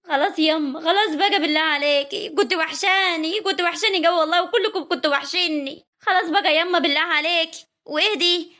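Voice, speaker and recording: A woman's voice: very high-pitched, fast, sharp tone. A woman doing an effusive homecoming daughter. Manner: tearful, effusive. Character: emotional grown daughter returning home. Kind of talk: comic family drama acting.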